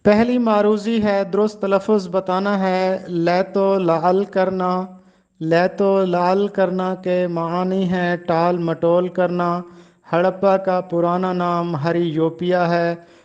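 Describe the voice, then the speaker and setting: A man giving a lecture on pronunciation, deliberate and carefully enunciating each word. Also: high-pitched, little pitch movement, darkish tone, clear, resonant tone, highs cut off. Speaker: Urdu literature lecturer.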